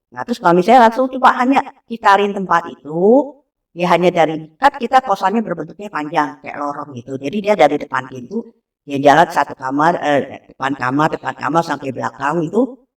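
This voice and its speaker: Animated woman telling a story. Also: low voice, a little fast. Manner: animated, acts out quoted voices. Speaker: interview guest. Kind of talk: casual storytelling. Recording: voice slightly distant from mic.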